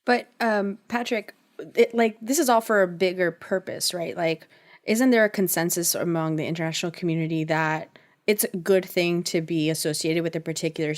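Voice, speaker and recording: A woman, an attorney guest on a legal podcast, chatting and asking questions in a casual way, with lots of "like". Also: fairly low pitch. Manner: inquisitive, chatty, uses "like" often.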